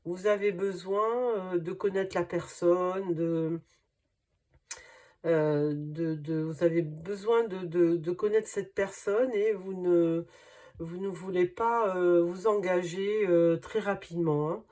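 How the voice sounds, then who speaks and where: A tarot card reader with a cold gives a reading to her viewers in a nasal voice that is on the low side, steady and darkish. She goes slowly and hesitantly, full of fillers and restarts.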